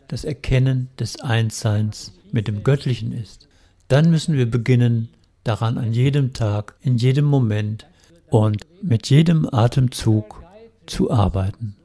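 Male interpreter with a warm, mellow voice, steady and measured. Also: mid-range voice. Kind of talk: interpreting a sermon.

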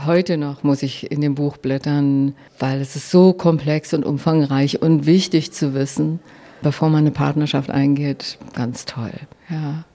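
An older woman telling a personal story in a lively way, often quoting her own thoughts. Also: low-pitched.

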